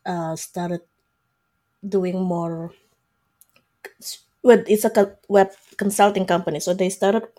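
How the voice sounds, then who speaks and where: An Indonesian-accented woman in her forties, a software developer, explains things casually as an interview guest. She speaks slowly with frequent pauses, in a lowish, steady, dark-toned voice.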